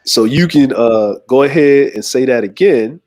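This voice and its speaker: A man hosts a casual livestream and talks in an easygoing, rambling way. He leans on fillers and restarts as he chats with his guest. His pitch sits in a plain middle range. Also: normal speed, a little mellow. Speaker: livestream host.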